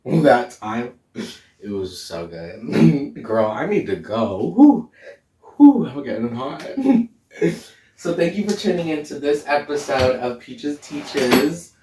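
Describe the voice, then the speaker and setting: Very animated yet unhurried, his mid-range voice sounds mellow. This bubbly drag host of a home cooking vlog giggles, swears often while tasting, and adopts a mock Irish lilt in casual chat. Recorded indoors on a camera mic a few feet away, the clip has kitchen echo, an off-mic feel, and a little hiss or hum.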